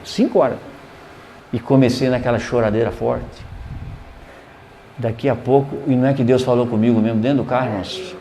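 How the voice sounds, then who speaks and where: A man preaching a sermon, telling a personal story and swinging between hushed and emphatic delivery. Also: medium pitch, fairly even intonation, a little fast, pauses often, a little hiss or hum. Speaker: pastor.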